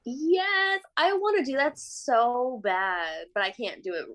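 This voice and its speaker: A woman's voice: on the high side, big pitch swings, measured pace, fairly bright tone. Stuffy-nosed woman, congested, chatting casually. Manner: gushing, exclamatory, slangy. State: congested from being sick. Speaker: podcast co-host. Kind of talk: casual chat.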